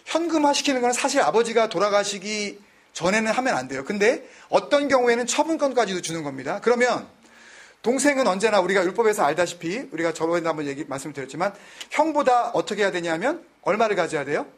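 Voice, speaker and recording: Quick-paced and very animated, a high-voiced man teaches Bible study in a conversational style. English words slip into his talk, and he constantly quizzes the group, keeping them answering his questions.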